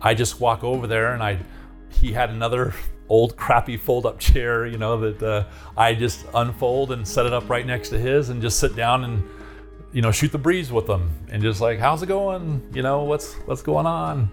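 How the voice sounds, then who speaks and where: A man's voice: medium pitch, fairly even intonation, moderate pace, faint music behind. A man from Arizona casually recalling his past in a rambling way, with many fillers and restarts. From Arizona, USA. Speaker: interviewee. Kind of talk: casual recollection.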